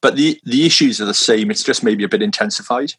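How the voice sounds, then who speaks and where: Speaking fast in a low-leaning, husky voice with a fairly bright tone, a minister raised in Wales makes casual conversation in London. His delivery is hesitant, full of restarts and small laughs at his own expense.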